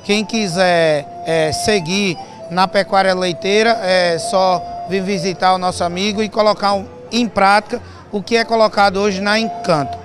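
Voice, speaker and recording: A man's voice: high voice, fairly even intonation, normal speed, music in the background. A man giving an on-location interview as a cattle farmer. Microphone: handheld reporter's microphone.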